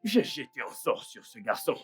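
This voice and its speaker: A man's voice: medium pitch, big pitch swings, normal speed, soft background music, natural voice. An actor playing a greedy man who plots a boy's death, boastful and gloating in a dubbed film. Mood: scheming. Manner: gloating, boastful, laughs at his own schemes.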